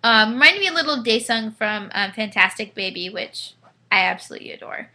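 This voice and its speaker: A young woman in her twenties talks at home after a night out, a little drunk and excitable. Her voice is bright and tense. She rambles, trails off and restarts, filling gaps with ums. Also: a little high, fairly quick. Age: 20s. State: tipsy. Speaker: vlogger reviewing a concert. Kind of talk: casual rambling review. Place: indoors at home.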